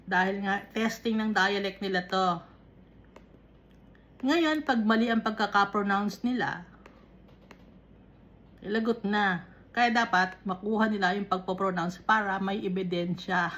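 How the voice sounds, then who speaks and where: A woman leads a Bible study at an unhurried, deliberate pace, pausing to check that her listeners follow. Her voice sits in a middle register. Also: mid-range voice, a bit bright. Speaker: Bible teacher. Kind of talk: Taglish Bible study teaching.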